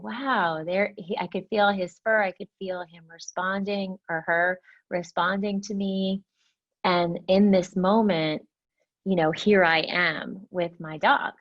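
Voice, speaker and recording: A woman teaching a mindfulness class in a gentle, reflective way, often checking in with "right?", heard over a video call. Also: mid-range voice. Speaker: meditation teacher. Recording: dull lo-fi call audio.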